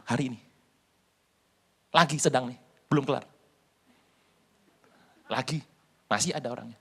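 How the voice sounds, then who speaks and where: A male pastor preaching a sermon in a lively storytelling way, with jokes. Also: on the high side.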